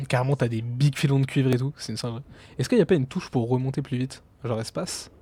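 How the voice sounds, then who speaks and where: A man's voice: mid-range voice, fast, warm tone, husky. A young adult man, chatting casually and bantering in slang while gaming. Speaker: streamer.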